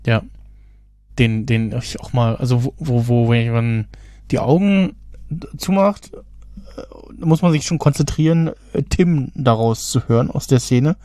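A man's voice: mid-range voice, unhurried, mellow, no room sound. A man co-hosting a podcast in casual chat, rambling with many fillers and restarts. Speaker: podcast co-host.

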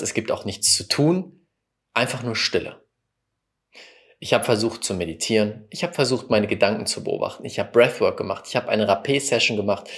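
A man hosting a self-help podcast, telling a personal story in an earnest, confessional way that swings between quiet and emphatic. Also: on the low side. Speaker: podcast host and coach.

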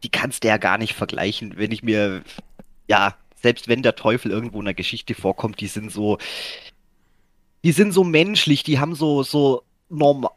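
A man talking through ideas on a casual podcast, mid-pitched and dry-sounding. He rambles, circles back with fillers and restarts, and his voice jumps up now and then as he gets excited. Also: moderate pace, no room sound. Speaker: podcast co-host.

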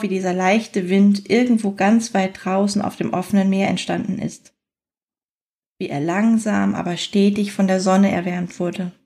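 A woman narrating a scripted guided fantasy journey in a soothing, unhurried manner, leaving long pauses between phrases. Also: mid-range voice, darkish tone.

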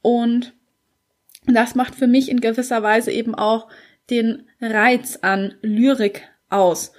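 A woman's voice: a little high, level tone, slow pace. A woman hosting her podcast, speaking in an enthusiastic, gushing way with fillers. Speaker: podcast host and author. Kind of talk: casual podcast intro monologue.

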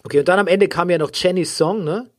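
A man hosting a casual podcast recap, joking and rambling with drawn-out hesitations. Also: sits high. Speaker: podcast host. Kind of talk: casual chat recapping a TV series.

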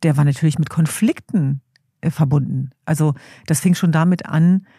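A woman's voice: low voice, normal speed, warm tone, breathy edge, no echo, studio quality. A middle-aged woman, a guest in an interview, telling her story in an earnest, reflective way. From Germany. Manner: earnest, storytelling, acts out quoted family voices.

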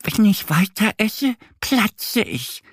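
A man's voice: big pitch swings, slow pace, a bit bright, dry recording, studio quality, heavily acted. A man voicing a cheerful little female duck in a children's story. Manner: squeaky, delighted.

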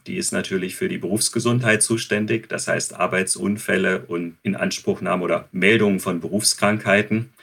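Research expert, male, very low pitch, husky, methodical. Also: fairly even intonation, moderate pace, few pauses, fairly bright tone. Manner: explanatory, methodical. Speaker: research head and interview guest. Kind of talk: expert explanation in an interview.

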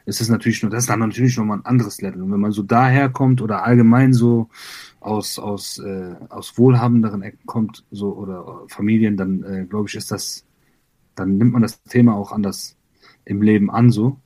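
A man from Iran with a husky, slightly breathy voice, answering interview questions. He talks in a halting, reflective way, circling back with fillers and repeated words. His voice sometimes drifts a little away from the mic. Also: on the low side, steady tone, dark tone. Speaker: rapper, interview guest. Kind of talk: conversational interview.

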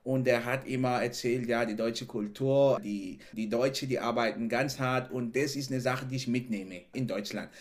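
This podcast guest from Cameroon chats casually in an interview, speaking German as a non-native at normal speed with hardly any pauses. His voice is mid-range, his manner lively, and he laughs a lot while saying "genau" and "ne" again and again.

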